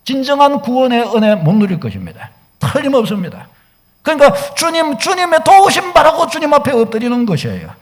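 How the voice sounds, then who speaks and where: Male pastor with a very high voice, preaching with insistent rhetorical questions. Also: big pitch swings, a little fast. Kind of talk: sermon. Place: church sanctuary.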